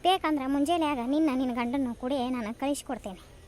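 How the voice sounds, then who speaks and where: A woman with a North Karnataka Kannada accent voicing a fussy older village mother-in-law who talks on and on to calm her daughter-in-law in a cartoon. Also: high-pitched, a little fast, slight background noise, natural voice. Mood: soothing. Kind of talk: cartoon voice acting.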